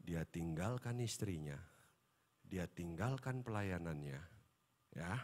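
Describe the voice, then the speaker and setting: A man, a pastor preaching an animated, joking sermon that keeps quizzing the congregation. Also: deep voice, slow. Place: church hall. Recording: echoey church hall.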